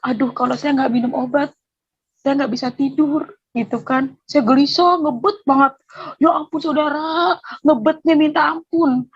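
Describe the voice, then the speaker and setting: A woman telling her personal testimony in an animated storytelling way, acting out the voices in her story. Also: high voice, normal speed. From Indonesia. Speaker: testimony speaker. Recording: dull lo-fi recording.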